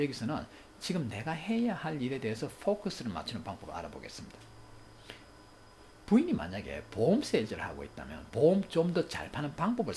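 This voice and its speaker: A man of middle age lectures on parenting in a quick, lively voice that rises and falls a lot. He slips into acted dialogue from family life, and a faint hiss sits under the recording. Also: mid-range voice. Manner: animated, acts out quoted family exchanges.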